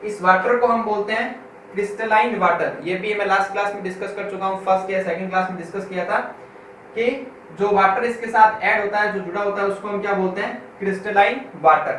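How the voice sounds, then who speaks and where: The speaker is a male chemistry teacher lecturing in an echoey room, his high-pitched voice fairly bright and fairly even in intonation. He answers his own questions to the class, slowly repeats important terms, and reads from an English textbook one word at a time. The distant recording carries faint noise.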